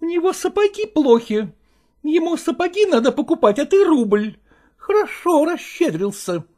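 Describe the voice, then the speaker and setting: A woman voicing a sharp-tongued middle-aged wife who scolds her estranged husband in a shrill, needling way. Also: animated, moderate pace. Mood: scolding.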